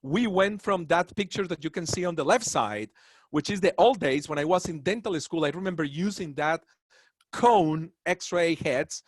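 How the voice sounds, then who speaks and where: Lecturing on dentistry by webinar, a dental professor from Colombia speaks with a Colombian Spanish accent in an earnest, proud way, full of rambling asides. His male voice runs on the high side at normal speed, and there's no room sound.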